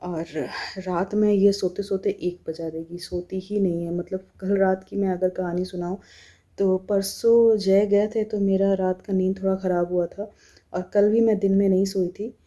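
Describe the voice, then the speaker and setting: A young woman chatting casually to the camera at home, telling everyday stories about her family in a relaxed way. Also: mid-range voice, measured pace. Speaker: vlogger and mother. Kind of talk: casual home vlog chat.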